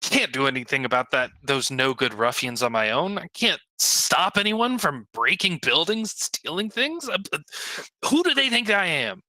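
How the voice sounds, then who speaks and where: A man's voice: on the high side, big pitch swings, sharp tone, no echo, pitched above the performer's own voice, heavily acted. Man doing a frazzled, stammering townmaster. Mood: flustered. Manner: rapid, flustered, stammering. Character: harried overwhelmed male townmaster, exhausted, defensive.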